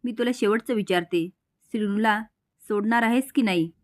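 A woman reads the part of a cruel, jealous young woman who bullies and brags. Her threats come at a middle pitch and an even pace. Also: normal speed, close to an everyday voice. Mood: threatening. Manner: threatening, boastful.

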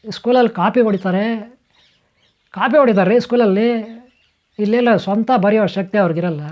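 A channel host delivers motivational spiritual advice in a mid-range voice. The speech is emphatic and keeps repeating key phrases while addressing the listener directly. The recording sounds dull and lo-fi. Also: medium pitch.

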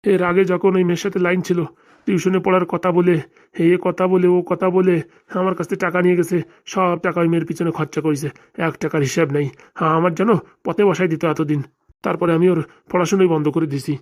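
A cartoon voice actor portrays a middle-aged, anxious father close to retirement who frets over lost money, speaking with a rural Bengali accent. He rambles extremely fast in an aggrieved, lamenting way, like a perpetual complainer from a village comedy. His natural voice stays medium-pitched and level in tone.

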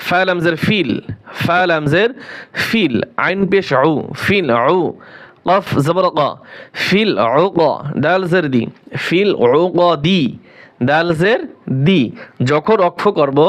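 Slow, patient man teaching recitation. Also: sits high, a bit bright. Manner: spells each word syllable by syllable, then chants it slowly. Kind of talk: slow letter-by-letter recitation lesson.

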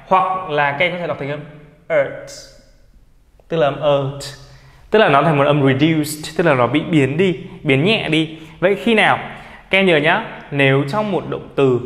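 A man's voice: medium pitch, fairly bright tone. Male teacher with Vietnamese accent, patient step-by-step explainer, roomy reverb. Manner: explains step by step, often asks for confirmation. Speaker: English teacher. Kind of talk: classroom lesson. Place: classroom with a board. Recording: echoey room.

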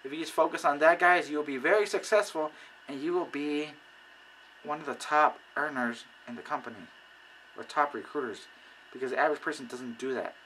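A man giving casual how-to advice on recruiting people, animated and acting out conversations. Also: fairly high pitch, brisk, a little hiss or hum, low-quality recording. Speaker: network marketing recruiter. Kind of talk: casual how-to video talk.

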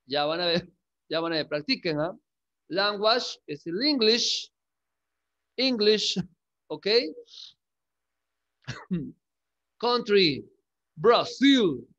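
A male English teacher giving a class, repeating words slowly and checking in with questions. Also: high voice, very animated, a bit bright, lo-fi sound. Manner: coaxing, checks in with frequent questions. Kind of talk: classroom lesson.

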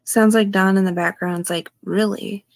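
Low creaky woman commentator. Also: little pitch movement, moderate pace, darkish tone, no room sound. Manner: hedging, often adds "in my opinion". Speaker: true crime commentator. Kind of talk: reading and commenting on a call recording.

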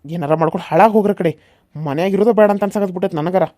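A woman's voice: fairly low pitch, rapid-fire, warm tone, no room sound, clean studio sound, lightly acted. A woman voicing a self-pitying village husband who drinks in a cartoon serial, whining in a North Karnataka accent. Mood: grumbling. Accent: North Karnataka Kannada.

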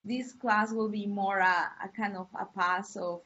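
A woman from Peru, a university lecturer, giving an online class in a friendly, unhurried way with fillers and pauses. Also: mid-range voice, fairly even intonation, fairly bright tone. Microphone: computer mic on a video call. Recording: muffled lo-fi call audio.

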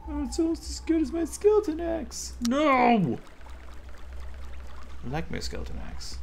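Male let's player, higher voice, very lively delivery, excitable and jokey, yells at foes. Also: vocal fry, slight background noise. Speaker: let's play host. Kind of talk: video game commentary.

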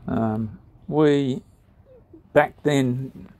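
A man narrating his sailing trip over drone footage in a relaxed, unhurried way, with frequent ums and pauses. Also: mid-range voice.

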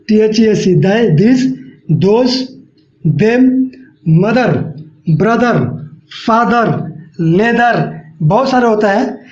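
High-voiced man spelling out English words. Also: a little mellow. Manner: spells words letter by letter, repeats "ok friends". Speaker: English teacher. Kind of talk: spoken-English lesson. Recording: dull lo-fi audio in an echoey room.

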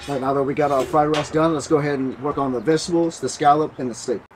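A man in his thirties with a slightly high, fairly even voice gives quick, casual, step-by-step instructions as a teppanyaki chef, explaining while he works the griddle. He's on a covered outdoor deck by the water, with music, a sizzling griddle and stirring utensils in the background.

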